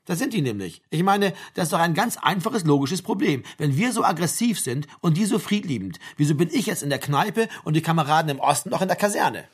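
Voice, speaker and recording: A man's voice: a little high, expressive, brisk, few pauses, breathy edge. A man reading a brash mouthy young man. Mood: provoking. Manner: cocky, needling, argumentative. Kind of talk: audiobook character reading.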